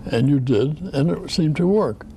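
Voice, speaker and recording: A man hosting an interview, asking hesitant, gently stammering questions. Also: fairly high pitch, lively intonation, moderate pace, vocal fry, slight background noise. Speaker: talk show host.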